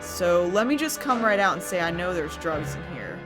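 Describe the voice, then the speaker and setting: A woman's voice: lowish voice, very animated, normal speed. A woman voicing a blunt, easygoing male police officer in a horror story, questioning frankly and casually, with music behind. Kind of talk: horror story character dialogue.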